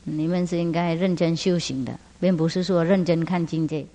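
Spiritual master, woman, lower voice, chatty teaching talk full of tag questions, in a reverberant hall. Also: fairly even intonation, normal speed, mellow. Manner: frequent laughter, rhetorical tag questions. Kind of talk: Buddhist teaching talk with storytelling.

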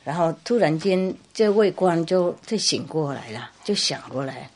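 A woman's voice: sits low, animated, moderate pace, a little mellow. A woman Buddhist master telling a humorous story in a chatty way, laughing and repeating herself.

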